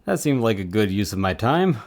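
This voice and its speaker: A man's voice: on the low side, big pitch swings, a little fast. A man chatting casually on a live stream while he works, rambling with self-mocking asides. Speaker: streamer supporting 3D print models.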